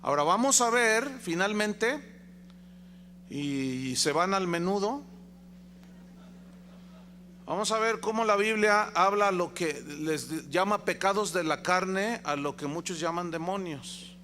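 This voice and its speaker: A man's voice: sits high, expressive, slow, bright, forceful tone, slight background noise. A man with a Mexican accent preaching a sermon in a folksy, conversational way, often putting questions to his listeners. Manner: folksy, conversational, quizzing the congregation. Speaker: pastor.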